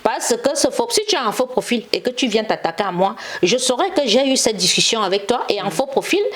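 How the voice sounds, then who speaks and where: Fairly quick and expressive, with a voice on the high side, a woman being interviewed tells a long story in lively fashion. She performs the quoted lines, breaks into little bits of song, and repeats "et tout" again and again.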